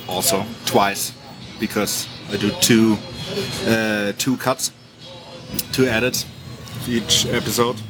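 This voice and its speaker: A man's voice: fairly low pitch, fairly even intonation, takes it slowly, long pauses. A man in his forties with a German accent, chatting casually as a podcast co-host, often hesitating and restarting. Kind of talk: casual chat. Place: Japanese supermarket. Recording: noisy crowded shop. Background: crowd chatter.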